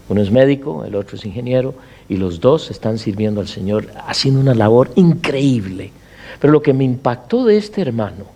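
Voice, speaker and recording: A man's voice: mid-range voice, a little mellow. A middle-aged man and pastor preaching a sermon, often asking the congregation rhetorical questions. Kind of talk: Spanish-language sermon.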